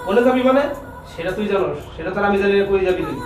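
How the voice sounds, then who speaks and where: A man's voice: high voice, expressive, rapid-fire. A man with a Bangladeshi Bengali accent playing an indignant husband, scolding emphatically in a short-film melodrama. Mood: stern, angry. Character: indignant, gullible husband and master of the house. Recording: echoey, distant mic, loud music behind.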